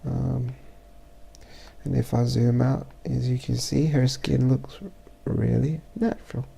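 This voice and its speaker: A man with a stuffy, congested voice narrating a casual photo-editing tutorial as he works, halting and thinking aloud. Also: medium pitch, flat delivery, vocal fry, warm tone, husky. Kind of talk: casual software tutorial voice-over.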